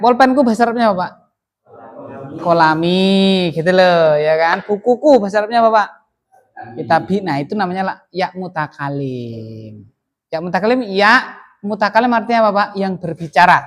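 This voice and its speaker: Javanese-accented teacher quizzing a class. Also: mid-range voice. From Central Java, Indonesia. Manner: keeps quizzing the class with short repeated questions. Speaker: Arabic grammar teacher. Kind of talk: classroom lesson with question and answer.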